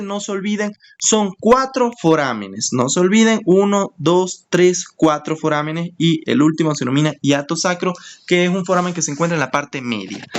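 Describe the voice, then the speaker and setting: A man teaching an anatomy lesson. He explains step by step, repeats key terms for emphasis and keeps checking in with his students. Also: high voice. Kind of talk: screen-share anatomy lesson.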